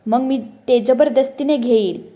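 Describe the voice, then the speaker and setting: A menacing king of darkness in a children's storybook, voiced by a woman. He speaks loudly and threateningly, in a mellow voice. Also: sits high, measured pace, dull audio. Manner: loud, threatening delivery.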